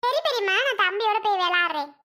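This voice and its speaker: A woman voicing a meek, gentle little girl who speaks softly and politely in a cartoon. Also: extremely high pitch, animated, fast talker, heavily acted. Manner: soft, yielding, polite. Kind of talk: cartoon voice acting.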